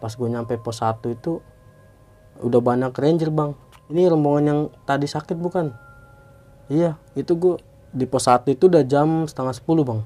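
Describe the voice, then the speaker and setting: A man's voice: on the high side, normal speed, pauses often, dark tone. A young man from Indonesia casually telling a true story, slangy, acting out the quoted voices.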